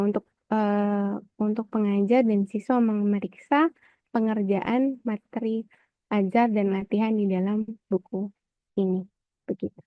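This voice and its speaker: A woman presenting a webinar walkthrough of a teaching e-book, pausing often on "eh" fillers and ending her points with "begitu". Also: mid-range voice, no echo, muffled recording.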